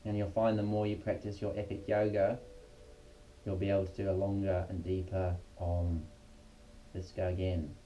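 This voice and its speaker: A man's voice: deep voice, flat delivery, moderate pace, dark tone. A man leading a casual guided yoga lesson in a laid-back, slangy, unpolished way, as the instructor. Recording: muffled, dull lo-fi sound.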